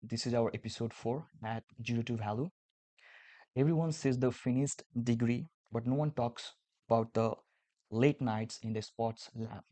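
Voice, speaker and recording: A man's voice: medium pitch, normal speed, warm tone, no echo. A man from Nepal, hosting a casual interview podcast in a friendly, complimentary way. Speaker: podcast host.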